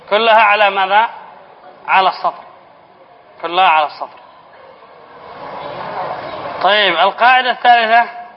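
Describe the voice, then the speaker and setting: A male teacher giving a classroom lesson on spelling rules, repeating key phrases, asking the class questions and then answering them, and dictating example words slowly. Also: high-pitched. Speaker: Islamic studies teacher. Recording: dull lo-fi lesson recording with faint hiss.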